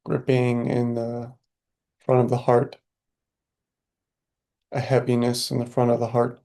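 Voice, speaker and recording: With a mid-range voice, a man guides a meditation gently and slowly, his soft, soothing words separated by long pauses.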